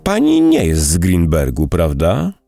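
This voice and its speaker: A man voicing a polite, cautious young gentleman who picks his words carefully. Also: sits low, huge pitch swings, measured pace, creaky, faint music behind, full character voice. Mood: probing. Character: smooth, cautious young man, gallant and evasive.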